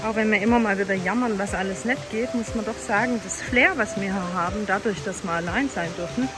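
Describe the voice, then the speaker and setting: A woman's voice: mid-range voice, fairly quick. A woman chatting cheerfully as a family travel vlogger, filming herself outdoors in a rainforest. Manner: chatty, cheerful, loose filmed commentary. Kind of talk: casual vlog narration. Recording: music playing behind the voice.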